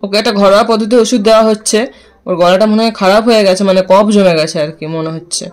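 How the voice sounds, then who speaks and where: A woman's voice: medium pitch, fairly even intonation, quick pace, darkish tone, rough recording. A woman vlogger talking tenderly to her pet parrot in a coaxing, affectionate way. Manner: coaxing, affectionate baby-talk to the bird. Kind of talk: casual talk to a pet parrot.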